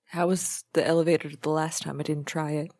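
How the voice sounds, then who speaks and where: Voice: mid-range voice, flat delivery, a little fast, a little mellow. A tabletop game player speaking casually, improvising in-character banter and describing a character.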